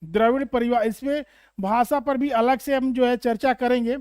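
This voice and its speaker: Male teacher, exam-prep lecture, smooth voice, dry close sound, repeats points and quizzes students. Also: very high-pitched, steady tone, darkish tone, no echo. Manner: explains slowly with repeated asides and questions to students. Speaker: Hindi teacher.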